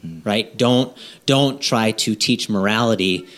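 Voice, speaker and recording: Low-voiced man joining a sermon. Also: unhurried. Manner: relaxed, explanatory, repeats words. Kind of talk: conversational sermon dialogue.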